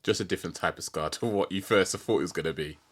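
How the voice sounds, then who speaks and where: A man's voice: sits low, quick pace, husky. A British man hosting a conversational podcast interview, asking reflective questions in an informal way. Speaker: podcast host.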